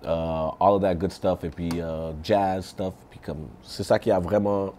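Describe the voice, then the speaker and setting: A man, a singer guest in a casual interview, relaxed and switching often between French and English. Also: deep voice, unhurried, slight background noise.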